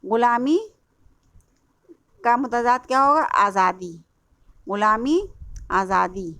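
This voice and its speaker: Female Urdu teacher, Indian accent, slow and repetitive, spells words out, dry close sound. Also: on the high side, a bit bright, smooth, no echo. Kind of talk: classroom lesson explaining a workbook.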